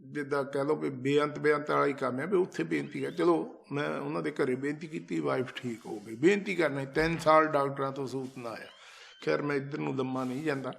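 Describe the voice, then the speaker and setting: A man's voice: a little high, vocal fry. A man telling a personal devotional story in a casual, conversational way, retelling conversations and turning to his listeners with asides. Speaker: storyteller sharing a devotional account. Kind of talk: casual spoken testimony.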